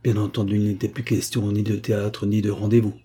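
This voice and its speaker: Male narrator, husky and warm-toned, audiobook reading of a pulp adventure. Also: lowish voice, flat delivery, brisk. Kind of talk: first-person novel narration.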